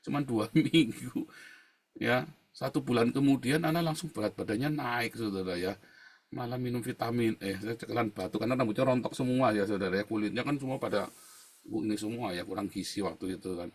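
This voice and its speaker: A male pastor with a husky, slightly rough voice preaches in a loose, conversational way. He keeps turning to his listeners directly, then drops to quiet asides before rising into loud, emphatic bursts. His pitch sits in an ordinary middle range. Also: brisk. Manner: conversational preaching, constantly addressing listeners as brothers and sisters. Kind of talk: sermon with personal testimony.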